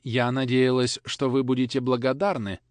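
A man's voice: mid-range voice, little pitch movement, normal speed, no echo, lightly acted. A man voicing a stern, imperious elderly countess grandmother who drawls her words. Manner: drawling, commanding.

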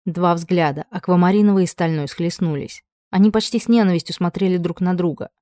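Calm, mellow woman narrating a novel. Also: on the low side, no echo, clean studio sound. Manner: calm and measured. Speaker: audiobook narrator. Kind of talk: scripted narration.

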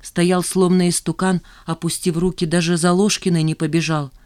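A woman's voice: on the low side, level tone, moderate pace, a little mellow, no room sound, studio quality. Woman reading a novel aloud. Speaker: audiobook reader. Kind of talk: novel narration.

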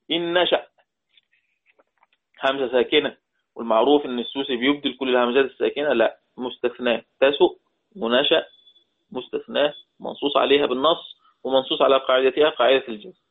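A man with an Egyptian accent teaching a lesson on Quran recitation rules, quoting verses slowly and then explaining them quickly in colloquial speech while quizzing his students. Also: mid-range voice. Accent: Egyptian Arabic. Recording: tinny phone-like audio.

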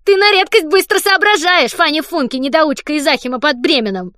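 A woman voicing a sly, mischievous boy who taunts in a shrill, sing-song way and lisps when faking a childish tone. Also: expressive, moderate pace, a bit bright, dry recording. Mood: taunting. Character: sly mocking boy, a mischievous little schemer. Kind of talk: audiobook character voice.

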